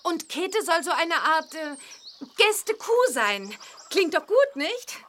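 A woman's voice: extremely high pitch, big pitch swings, slow pace, fairly bright tone, a little hiss or hum, heavily acted. A woman playing a cheerful, impulsive teenage witch girl in a children's audio drama, perky and playful. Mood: cheeky persuading.

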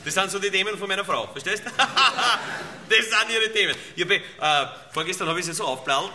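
A man with an Austrian accent rants through a comic monologue in a fairly high voice, grumbling and cursing. He sinks to low mutters, then flares into shouts. He sits away from the mic, with loud noise behind him. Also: lively intonation, moderate pace, far from the mic. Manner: grumbling, swearing, swings between mutters and shouts.

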